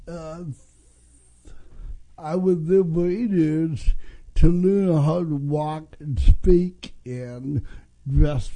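A man of fifty-five with a North Dakota accent, telling his own story as an interview guest in halting, broken phrases. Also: on the high side, warm tone, low-quality recording. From North Dakota, USA. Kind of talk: radio interview, personal story. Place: radio studio. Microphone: studio microphone.

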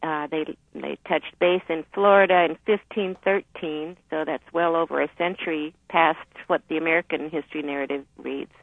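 Gravelly woman on a phone line. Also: sits low, steady tone, no room sound. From Dominican Republic. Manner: measured, thoughtful, explanatory. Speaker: historian, radio guest. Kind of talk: radio interview, phone-in guest. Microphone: telephone.

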